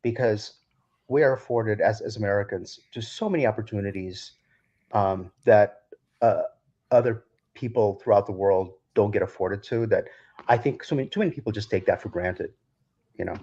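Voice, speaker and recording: A man's voice: lowish voice, moderate pace, warm tone. A man from Ukraine, a DJ guest on a podcast, telling a long story in a rambling way with many restarts. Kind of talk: casual storytelling interview. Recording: dull lo-fi sound.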